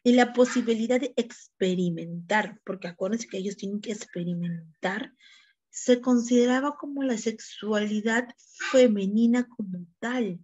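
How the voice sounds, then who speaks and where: A woman's voice: medium pitch, normal speed, a little mellow, muffled recording. A woman teacher with a Peruvian accent, lecturing her class, often asking tag questions and repeating words as she goes. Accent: Peruvian Spanish.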